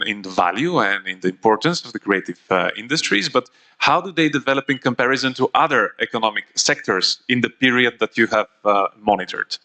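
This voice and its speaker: A man moderating a conference panel, measured and lightly joking, with some fillers. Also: mid-range voice, bright, forceful tone. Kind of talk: panel discussion.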